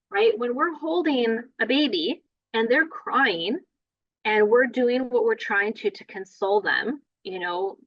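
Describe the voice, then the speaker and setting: A woman's voice: mid-range voice, no echo, highs cut off. A woman leading a play therapy training in a conversational lecture style, often adding "right?" and "you know". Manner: conversational, many fillers and "right?".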